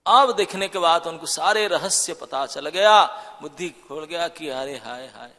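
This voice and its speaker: A man preaching and storytelling with a high, lively voice that rises and falls dramatically. He exclaims often as he tells the story, and a long hall reverb surrounds him in the temple. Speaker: monk preacher. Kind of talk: devotional sermon storytelling.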